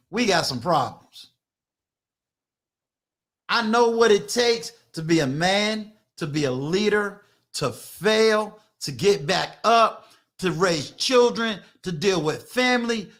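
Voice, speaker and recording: A man's voice: high voice, expressive, unhurried, fairly bright tone. A man in his fifties hosting a live stream, talking to his viewers in a preachy, emphatic, repetitive way. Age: 50s. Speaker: channel host. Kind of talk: live-stream motivational talk.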